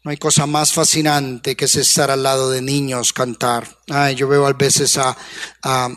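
A man preaching a sermon as pastor, passionate, swinging from hushed to loud, coaxing the congregation with questions. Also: medium pitch, little pitch movement, measured pace. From Colombia.

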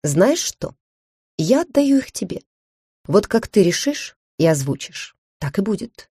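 An ancient lord of the winds, weary and curt, gives orders in a low, mellow voice, as a woman reads him. The sound is close and dry. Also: dry recording.

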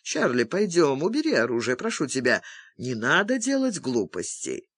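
A man voicing a calm, dry-spoken senior male agent who talks in a measured way. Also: medium pitch, slightly rough, no room sound, full character voice. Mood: firm. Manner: measured and dry, pleading quietly.

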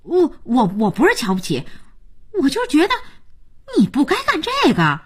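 A woman's voice: fairly high pitch, huge pitch swings, moderate pace, husky, full character voice. A woman voicing a hot-headed, protective younger sister who speaks in an indignant, exclamatory way.

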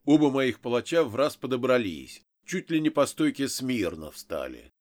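A man narrating a first-person audiobook in an expressive reading. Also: medium pitch, moderate pace.

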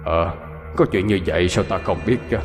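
A man playing an old male household earth god who speaks gravely and measuredly. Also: sits low, moderate pace, in a large hall, soft background music, natural voice.

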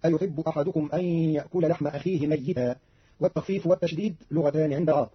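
Husky-voiced man reading very fast. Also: on the high side. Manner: brisk, matter-of-fact reading. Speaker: radio announcer. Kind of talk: scripted explanation of recitation variants. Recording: muffled old radio recording.

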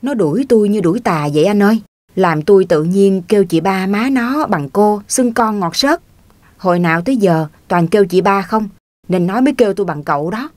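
A woman's voice: medium pitch, animated, a little fast, darkish tone, no echo, natural voice. A woman reading the part of a touchy, stubborn grown man from the countryside who grumbles defensively. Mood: grumbling.

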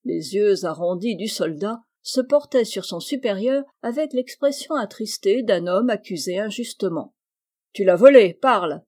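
A woman narrating a classic short story as an audiobook reader, measured and even. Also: mid-range voice. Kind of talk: scripted narration.

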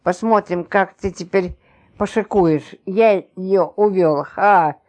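A woman's voice: lowish voice, slow, a little mellow. A woman reading an audiobook, voicing an angry, blustering cheated husband who speaks indignantly. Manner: indignant, through gritted teeth.

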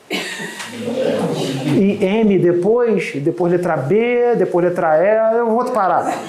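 A man's voice: high-pitched, echoey room, rough recording. A man with a Carioca accent from Rio de Janeiro, a medium giving an emphatic, lecturing spiritual talk that scorns his critics. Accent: Carioca Portuguese. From Rio de Janeiro, Brazil.

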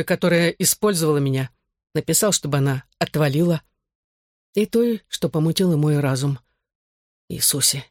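A man's voice: a little high, no echo. A man narrating an audiobook in the first person, with a wry, exasperated, self-mocking manner, close to a studio mic. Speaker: audiobook reader.

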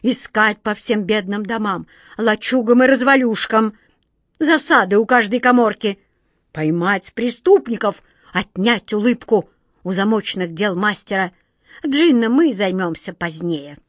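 A woman's voice: medium pitch, measured pace, no echo, studio quality, close to an everyday voice. A woman playing a fretful, whiny fairy-tale king who barks orders and frets over his health. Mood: moaning. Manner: whiny, commanding, easily flustered.

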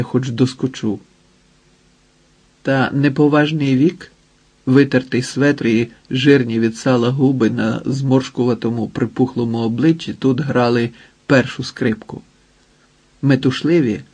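A man narrating a novel in a measured, unhurried storytelling manner. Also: mid-range voice, darkish tone, breathy edge. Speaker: audiobook narrator. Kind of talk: scripted narration.

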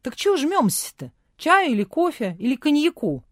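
A woman reading an audiobook, voicing a loud, hearty, brash boss man with a folksy, teasing way of talking. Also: high-pitched, big pitch swings, moderate pace, no echo, studio quality, voice pushed up. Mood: jovial, loud.

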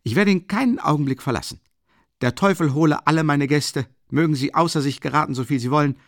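A man voicing an eager, loyal young friend in an audiobook, calling out loudly. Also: fairly low pitch, sing-song, fast, vocal fry, slightly rough, no echo, clean studio sound, exaggerated voice. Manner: loud, eager. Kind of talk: audiobook reading.

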